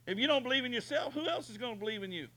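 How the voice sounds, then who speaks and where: A man preaching a booming motivational sermon as a pastor, emphatic, folksy and repetitive in his exhortation. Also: animated, very fast, rough recording. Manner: emphatic, repetitive exhortation, swinging from hushed to shouted.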